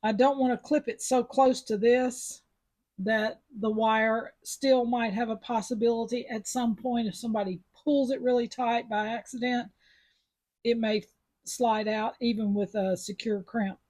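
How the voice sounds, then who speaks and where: Husky-voiced woman teaching beadwork. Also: a little high, fairly even intonation, measured pace, darkish tone. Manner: chatty, step-by-step instructions. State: sucking a mint after coughing. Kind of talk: casual craft tutorial.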